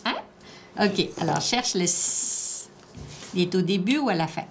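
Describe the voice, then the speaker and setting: A woman teacher with a Québécois French accent, slowly and patiently prompting a child through a one-on-one reading assessment. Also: lowish voice, animated. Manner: slow, patient, drawn-out word-by-word prompting. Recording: faint background noise.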